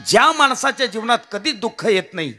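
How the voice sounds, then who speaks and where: Lively, high-voiced Marathi kirtan preacher. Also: male voice, a little fast, faint music behind. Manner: calls out to the audience and has them answer back; addresses listeners as maharaj, jokes with the crowd. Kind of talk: devotional storytelling sermon.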